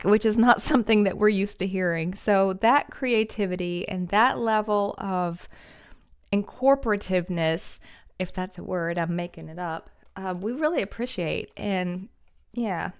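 A woman's voice: medium pitch, clean tone. Chatty woman reacting to music. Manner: enthusiastic, chatty, laughs often. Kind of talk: casual reaction commentary. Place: small decorated home room with string lights. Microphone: studio condenser mic on stand.

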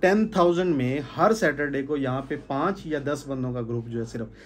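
A man's voice: mid-range voice, normal speed, a little hiss or hum. A man gives an informal sales talk to a small group, stressing points by repeating phrases. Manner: emphatic, repeats phrases for stress, gestures while talking. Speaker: sales trainer. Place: indoor room with curtains.

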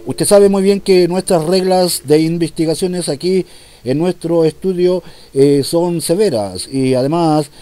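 A man's voice: fairly high pitch, measured pace, warm tone. A man performing a comic monologue as a police commissioner taking a phone call, in a mock-formal, polite manner.

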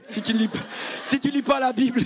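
A male pastor giving a humorous sermon at a church seminar, teasing the congregation and acting out little scenes with shouts and laughter. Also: extremely high pitch, fairly even intonation, a little fast.

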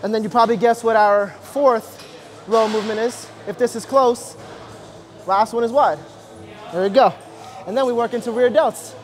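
Male trainer, 30s, high pitch, brisk coaching cues, lapel mic, big gym, faint music behind. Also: fairly even intonation. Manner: instructive, brisk cues and encouragement. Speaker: personal trainer. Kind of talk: coaching through a workout. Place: large indoor gym.

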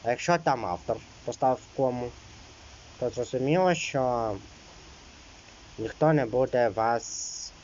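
A man's voice: mid-range voice, a little slow, long pauses, darkish tone, highs cut off, a little hiss or hum. Man explaining exam rules, filler-heavy. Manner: reads rules then explains loosely with many fillers. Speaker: teacher. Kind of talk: exam-prep lesson.

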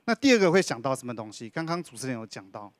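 A man's voice: mid-range voice, very animated, racing, no echo. A man, a county official answering on a panel, explaining at length with many sentence particles. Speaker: deputy director of a county culture and tourism bureau.

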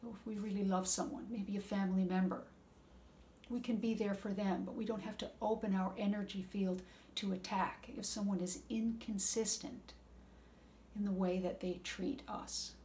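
A woman talks calmly and gently, offering spiritual advice at a measured, reflective pace. Her pitch sits in an ordinary middle range. A faint noise runs under the recording. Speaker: wellness speaker. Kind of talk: calm spiritual advice talk.

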